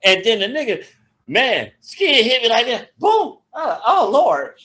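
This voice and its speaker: Speaking at a moderate pace in an extremely high pitch, this grandfather co-hosts a laid-back sports podcast. He tells stories with lively energy, frequent laughter, and plenty of swearing.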